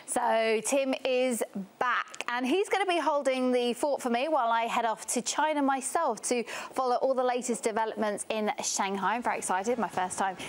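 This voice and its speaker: Upbeat British woman presenting business news. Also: fairly high pitch. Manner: brisk, chatty, upbeat. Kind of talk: news presenting with light banter. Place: on a boat outdoors for part.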